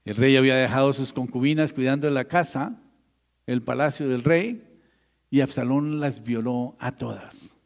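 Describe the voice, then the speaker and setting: Gravelly pastor preaching a dramatic sermon. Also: male voice, mid-range voice, moderate pace, in a large hall. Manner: dramatic storytelling, swinging from loud to hushed.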